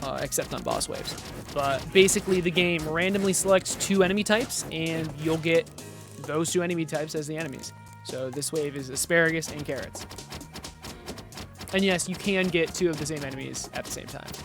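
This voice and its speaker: A game developer demos their own game with casual commentary over background music, explaining things step by step and correcting themselves as they go. The voice is medium-pitched at a moderate pace.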